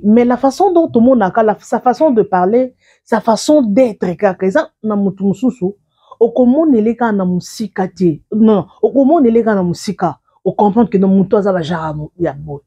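A woman's voice: mid-range voice, dark tone, husky. A woman giving casual, rambling commentary as a celebrity news vlogger, often repeating and restarting her words.

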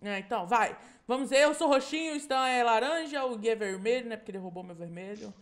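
A male gaming channel host chatting casually with friends while playing, excitable and quick to shriek in protest. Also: extremely high pitch. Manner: excitable, shrieks repeated protests when losing.

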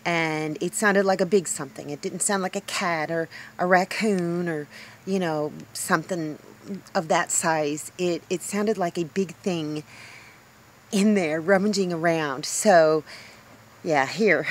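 A woman's voice: on the low side, a little slow, a little hiss or hum. Rambling woman vlogging outdoors. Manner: rambling, with frequent ums and restarts. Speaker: homestead vlogger. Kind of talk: casual vlog talk to camera. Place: outdoors on a homestead porch. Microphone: handheld phone camera at arm's length.

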